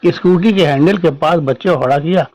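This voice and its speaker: Husky-voiced male story narrator. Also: fairly high pitch, dull audio. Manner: calm, measured reading. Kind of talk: scripted horror story narration.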